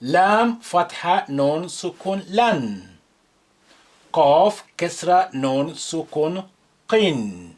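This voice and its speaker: Lesson voice-over: an Arabic teacher, extremely slow, spelling out each letter and vowel, then the joined sound. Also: medium pitch, very animated, a little mellow. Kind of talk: slow syllable-by-syllable reading drill.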